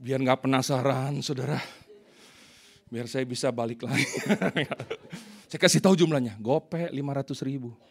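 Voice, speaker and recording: A man preaching a sermon to his church congregation, telling stories in a lively, animated way. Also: mid-range voice, unhurried, gravelly, husky. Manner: animated storytelling, addressing the congregation. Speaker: pastor.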